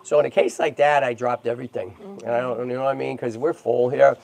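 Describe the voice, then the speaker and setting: A man's voice: medium pitch, steady tone, quick pace, creaky, darkish tone. A man hosting a tortoise rescue livestream in casual chat, talking in a chatty way and checking in often with "right?" and "okay?".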